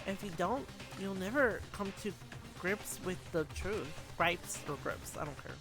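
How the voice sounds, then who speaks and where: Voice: medium pitch, lively intonation, a little slow, music in the background. A game streamer reading story text aloud during a live playthrough, stumbling, rereading and chatting to viewers.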